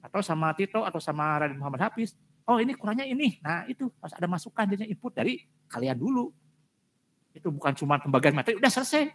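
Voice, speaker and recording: Fast-talking male lecturer giving feedback. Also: fairly high pitch, big pitch swings, fairly bright tone. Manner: direct, repetitive emphasis with frequent fillers. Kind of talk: giving feedback on student presentations.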